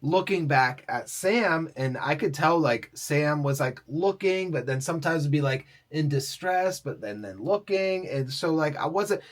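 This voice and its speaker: A man's voice: a little high, expressive, unhurried, few pauses. Rambling man in casual chat. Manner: rambling, heavy use of "like". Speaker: podcast co-host.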